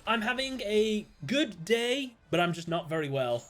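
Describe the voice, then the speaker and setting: Lively British man streaming a card game. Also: sits high, unhurried, soft background music. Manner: chatty, thinking aloud, with sudden excited outbursts. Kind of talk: casual live-stream gameplay commentary.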